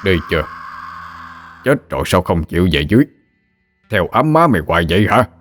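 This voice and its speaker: A man's voice: low-pitched, sing-song, brisk, faint music behind. A man voicing a furious old exorcist father-in-law who scolds harshly and bitterly.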